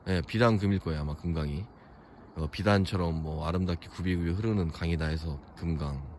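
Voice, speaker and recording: A man's voice: deep voice, a little fast, darkish tone, slight background noise. A young man from Chungcheong, South Korea, giving rambling, opinionated walking commentary at a hilltop fortress. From Chungcheong region, South Korea. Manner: rambling, opinionated, many fillers. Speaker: vlogger touring a historic fortress.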